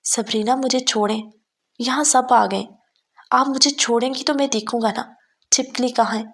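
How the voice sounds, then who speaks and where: A woman voicing a brusque young man who calms a frightened girl. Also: fairly high pitch. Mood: firm. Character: young man, curt and protective.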